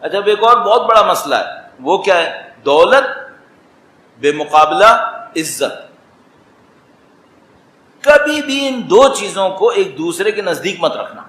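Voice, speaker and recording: A man with a Pakistani Urdu accent delivering a sermon, animated and rising to emphatic exclamations. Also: high-pitched, long pauses. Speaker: religious speaker. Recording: echoey hall, faint ambience.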